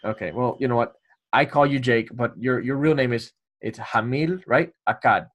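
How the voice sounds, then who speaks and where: A man's voice: medium pitch, normal speed, a bit bright. Chatty joking male podcast host. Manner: friendly, joking, many restarts and repeated words. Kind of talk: casual interview chat.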